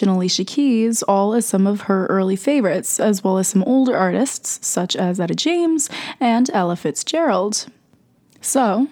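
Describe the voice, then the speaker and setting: A woman's voice: medium pitch, darkish tone. A young woman hosting a radio music show with scripted commentary, sounding congested with a sore throat and a stuffy nose.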